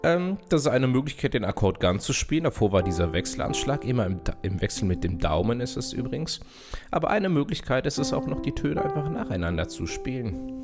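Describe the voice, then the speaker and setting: A man's voice: medium pitch, brisk. A man giving a casual online piano lesson, talking straight to the viewer and singing rhythms as syllables while he plays. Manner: relaxed, talks directly to viewer, sings rhythms as syllables. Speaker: piano teacher. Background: piano playing.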